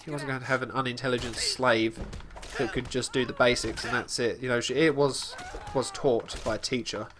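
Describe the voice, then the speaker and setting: Man, let's play host, casual game commentary, halting, many fillers, third-person narration, mid pitch. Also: steady tone, crowd noise.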